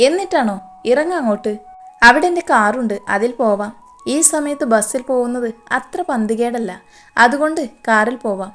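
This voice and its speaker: A woman's voice: fairly high pitch, lively intonation, normal speed, fairly bright tone, soft background music. A woman voicing a caring young man who comforts his younger cousin in a soothing, coaxing way. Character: gentle protective older cousin, young man.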